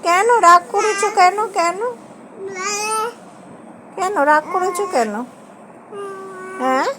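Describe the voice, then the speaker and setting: A woman's voice: very high-pitched, expressive, takes it slowly, noisy background. A woman, a mother coaxing and questioning her baby in sing-song baby talk.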